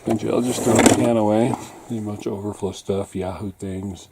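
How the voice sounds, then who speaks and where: A man giving a casual walk-through of his hobby workshop, pointing things out item by item in short, unhurried phrases. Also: on the low side, fairly even intonation. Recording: clearly noisy amateur room recording with clicks.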